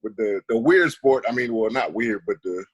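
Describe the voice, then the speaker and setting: A man's voice: lowish voice, normal speed, breathy edge, dry recording, lo-fi sound. A man from Baltimore chatting easily as a guest on a video call. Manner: easygoing, relaxed.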